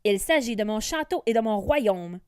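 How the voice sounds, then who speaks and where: A woman's voice: a little high, animated, normal speed, clean tone, no room sound, studio quality, lightly acted. A woman voicing a brave, determined young girl who rides a dragon, in a storybook reading. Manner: determined, commanding.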